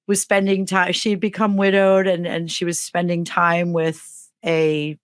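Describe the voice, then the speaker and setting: A middle-aged woman with a fairly low voice holds the floor with a lively comic anecdote. She acts out each quote with sudden jumps in her voice. Her voice sounds close and dry, with no room around it. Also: a little slow, clean tone, no echo. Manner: animated, acts out quotes with big pitch jumps. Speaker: podcast co-host and teacher. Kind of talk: comedic storytelling in casual chat.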